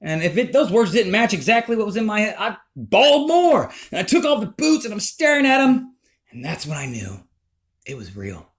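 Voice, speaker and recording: A man recounting a personal life story in a rambling, emotional, animated way. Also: high-pitched, normal speed.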